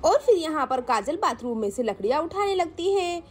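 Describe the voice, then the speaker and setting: A woman narrating a doll story as the channel's narrator, in a lively storytelling way. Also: high-pitched, moderate pace.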